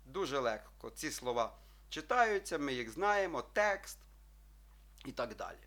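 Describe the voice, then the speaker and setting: A male teacher walks his viewers through a language lesson in an explanatory tone. His voice is bright and forceful, and he keeps checking in with his listeners. He draws out his example words slowly so they can follow. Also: medium pitch, very animated. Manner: addresses listeners as friends, checks with frequent "так?"; slow, drawn-out model pronunciations.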